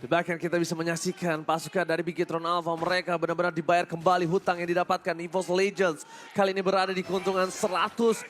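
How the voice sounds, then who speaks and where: A man with an Indonesian accent giving dramatic, excited play-by-play commentary as an esports caster. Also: high-pitched, quick pace, a little hiss or hum. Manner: dramatic, shouts through action calls. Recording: music behind the voice.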